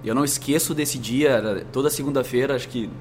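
A man's voice: medium pitch, quick pace, a little mellow, slight background noise. A man from Minas Gerais, raised in interior São Paulo, with a caipira R in his accent, talking as a marketing executive guest in long, flowing anecdotes. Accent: interior São Paulo, rolled caipira R. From Brazil, Minas Gerais, raised in interior São Paulo. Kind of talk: conversational storytelling.

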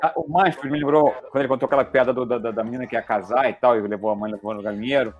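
A male comedian telling a dirty joke in a halting, restarting way. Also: mid-range voice, fairly even intonation, lo-fi sound, faint music behind. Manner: halting storyteller, many restarts. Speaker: comedian guest.

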